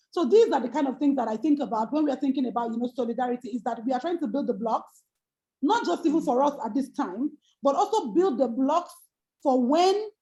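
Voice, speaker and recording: A woman with a high voice delivers an impassioned panel speech. She builds her point through rhetorical questions and rousing calls to action. The call audio is dull and lo-fi. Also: warm tone. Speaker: panel speaker.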